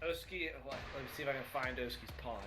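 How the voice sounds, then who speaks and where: A man's voice: mid-range voice, fast talker, sharp tone, faint music behind. A man playing a tabletop game, hesitant and thinking aloud as he plans his moves. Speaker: player. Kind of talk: casual tabletop play.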